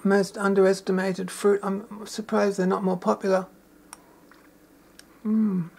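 A woman's voice: medium pitch, level tone, unhurried, gravelly, a little mellow. A woman talking in a casual cooking vlog in a shearing shed kitchen, chatty and enthusiastic, savoring each taste aloud. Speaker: home gardener and cook.

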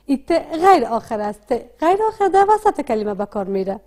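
A woman with a Dari accent teaching a literacy lesson, asking questions and answering them herself in a slow, deliberate way. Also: sits high, very animated, dark tone. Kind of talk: classroom lesson.

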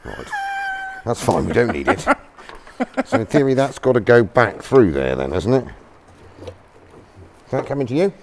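A man's voice: mid-range voice, sing-song, normal speed, gravelly, long pauses, darkish tone, a little hiss or hum. A man hosting a car-repair video, chatting and joking as he works in a workshop. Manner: chatty, jokey, thinking aloud. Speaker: channel host. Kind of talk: casual workshop chat. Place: garage workshop.

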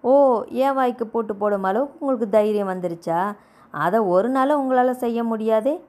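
Sharp-tongued young wife in an audio novel, mocking quick comebacks, read by a woman. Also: mid-range voice, lightly acted. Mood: cheeky.

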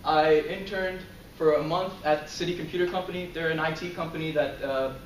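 In a lecture room before a projector screen, a young adult student presents in a casual, filler-heavy way, often chuckling, and the room echoes. His voice is fairly high with fairly even intonation and a brisk pace. Audio comes from a far camera, sounding roomy and distant, with slight background noise.

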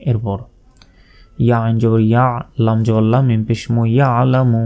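A man with a Bangladeshi accent teaching recitation, spelling out each letter slowly and deliberately, then drawing out the recited phrases. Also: mid-range voice, flat delivery, darkish tone, clear, resonant tone.

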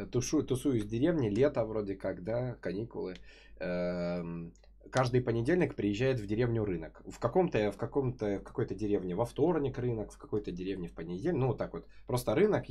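A man's voice: on the low side, mellow, slightly rough. A man in his twenties doing casual, profane live reaction chat as a streamer. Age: 20s. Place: small room at a streaming desk.

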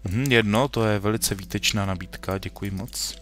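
A man's voice: lowish voice, steady tone, over music. A young man casually commenting while playing a computer game at home, rambling and correcting himself, with jokey asides. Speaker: gaming video host. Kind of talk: casual Minecraft let's play commentary.

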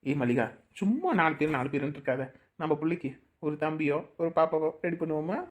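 A woman's voice: medium pitch, expressive, fast talker, close to an everyday voice. A woman voicing a bickering middle-aged village husband and father who teases and scolds by turns. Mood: teasing. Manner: teasing, then scolding in bursts.

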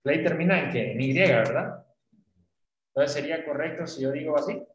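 A man's voice: fairly high pitch, normal speed, roomy sound, highs cut off, a little hiss or hum. A man teaching an online English class, explaining patiently and often checking that students follow. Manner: patient, often checks understanding with tag questions.

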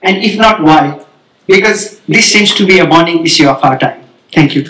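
High-voiced man with a pointed question. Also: moderate pace, bright, forceful tone, far from the mic, slight background noise. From Nepal. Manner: earnest and pointed. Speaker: student asking a question. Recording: echoey hall, voice from off-mic.

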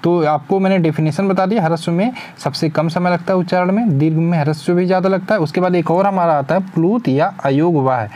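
A man's voice: high-pitched, fairly even intonation, brisk, hardly any pauses, a little mellow. A young man teaching an exam-prep lesson, asking questions and answering them himself. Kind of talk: spoken lesson.

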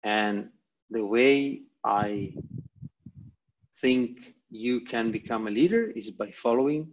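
An Italian guest presenter from Italy speaks slowly and expressively in a mid-range voice with an Italian accent, giving a motivational online lecture in emphatic, repeated short phrases. The video call audio is dull and lo-fi, with a little hiss or hum.

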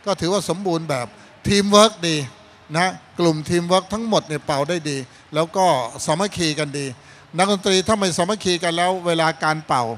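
A man's voice: high voice, fairly quick, a bit bright. A man judging a student band contest, giving fatherly critique and calling the students his kids. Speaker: contest judge.

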